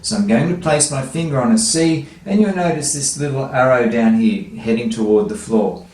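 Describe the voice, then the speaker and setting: A man's voice: medium pitch, moderate pace, a little mellow. A man teaching a children's guitar lesson, explaining each step patiently. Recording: echoey room, faint guitar music.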